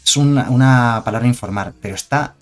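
A man's voice: medium pitch, brisk, soft background music. A man with a Spain Spanish accent giving chatty, digressive live-stream commentary on game cards and reading chat aloud.

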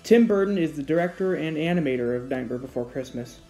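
A man's voice: on the high side, lively intonation, fast, mellow, poor audio. Man narrating film segment over faint music. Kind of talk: scripted film-review narration.

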